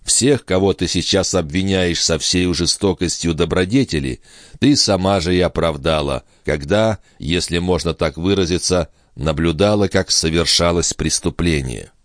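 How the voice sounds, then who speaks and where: A man's voice: low voice, moderate pace, no echo, clean studio sound, close to an everyday voice. A man reading an audiobook and voicing a young nobleman as a protective brother, in a solemn, restrained, consoling voice. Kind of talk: audiobook character voice.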